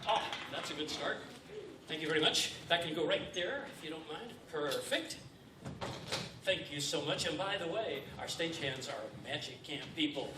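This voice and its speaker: A man with a voice on the high side, speaking at normal speed, does a live comedy juggling and magic act on stage. His patter is playful and mock-confused, like a kids party magician's. Picked up from a distance before a live audience, the audio is noisy and echoey.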